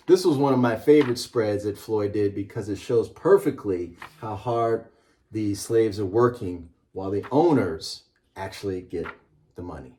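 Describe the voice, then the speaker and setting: A middle-aged children's author presents a picture book and reads it aloud. His voice is on the low side and mellow, and his delivery is emphatic and rhythmic.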